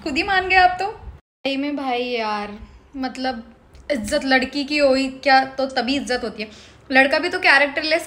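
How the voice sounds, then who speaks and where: A woman's voice: sits high, fairly bright tone. A young woman giving a casual, opinionated reaction review of a reality show, often laughing and mimicking people.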